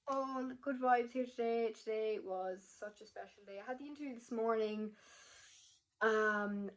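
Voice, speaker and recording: A woman's voice: on the high side, rough recording. A young woman, chatting to camera in a vlog, emotional and full of fillers. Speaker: vlogger. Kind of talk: casual chat to camera.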